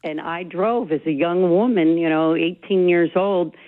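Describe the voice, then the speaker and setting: A woman's voice: fairly low pitch, unhurried. A woman calls in over a landline phone. Her voice comes through a narrow, tinny phone line. She talks in long, chatty run-on stories. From New Jersey. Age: 60s. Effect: heard over a landline phone. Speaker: caller. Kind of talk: casual phone-in chat.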